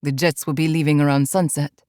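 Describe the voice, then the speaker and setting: A woman voicing a gentle, confident adult male alpha with a soft, smooth, lightly teasing manner. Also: low voice, steady tone, a little fast, no echo, clean studio sound, pitched below the performer's own voice, lightly acted.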